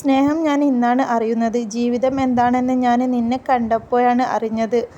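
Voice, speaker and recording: A gentle young man in love, a soft-spoken professor, reassures in a calm, tender way, as read by a woman storyteller. The voice stays high and light throughout, with no attempt to deepen it. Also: moderate pace, muffled recording, a little hiss or hum, close to an everyday voice.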